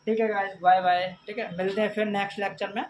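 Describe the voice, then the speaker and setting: A man teaching an English grammar lesson, reading out examples slowly and repeating a filler after nearly every phrase. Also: high-pitched, level tone. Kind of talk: classroom lecture. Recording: distant mic with faint background noise.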